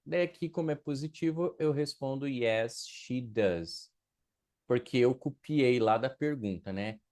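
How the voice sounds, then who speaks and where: A man's voice: medium pitch, measured pace, darkish tone. A man teaching English to beginners in an online class, patiently spelling out example sentences. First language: Portuguese.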